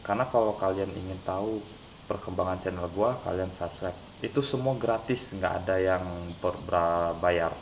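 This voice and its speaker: Stuffed up with a cold, a young man talks his way through an unboxing in a nasal, low-pitched voice at normal speed, rambling casually and filling gaps with fillers. Background noise is clearly audible in the echoey room he records in.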